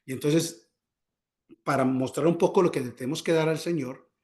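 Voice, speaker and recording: Male preacher, slightly high voice, conversational sermon, quizzes the congregation, restarts and repeats words, acts out prayers. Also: moderate pace, warm tone. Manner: call-and-response questions, repeats words when searching; acts out prayers and dialogue in a higher voice.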